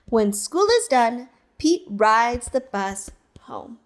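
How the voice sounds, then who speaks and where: A woman who works as a teacher librarian reads a picture book aloud to children. Her voice is high and very animated, and she takes her time, telling the story slowly and expressively while asking her listeners questions.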